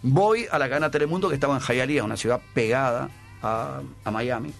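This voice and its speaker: A man's voice: mid-range voice, fast, vocal fry. Man, Rioplatense accent, older, anecdotal, stumbles and repeats words, radio interview, faint music. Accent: Rioplatense Spanish. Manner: chatty, anecdotal, repeats words while searching. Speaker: radio guest, former sports broadcaster. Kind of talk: casual radio interview storytelling.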